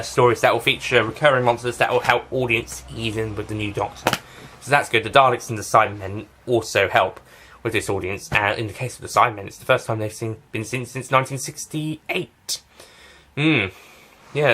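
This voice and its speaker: Man, bright tense voice, rambling casual review, keeps correcting himself. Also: medium pitch, slight background noise. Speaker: TV series reviewer. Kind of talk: casual spoken video review.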